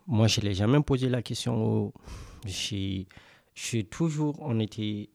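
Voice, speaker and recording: A man's voice: fairly low pitch, measured pace, vocal fry, a little mellow, no room sound, studio quality. A young man from West Africa telling a personal story in a casual, conversational way, acting out the dialogue.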